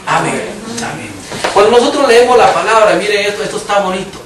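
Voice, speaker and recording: A man's voice: sits high, racing, background noise. A man preaching an emphatic sermon in a church hall, now and then raising his voice for quoted cries. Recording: echoey room, mic far off.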